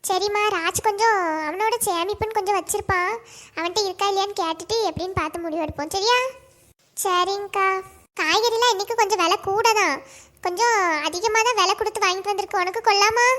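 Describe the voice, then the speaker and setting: A voice actor doing a high chatty village mother. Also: steady tone, fast talker, sharp tone. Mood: fretful. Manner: chatty, homely gossip. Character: worried village mother arranging her son's marriage.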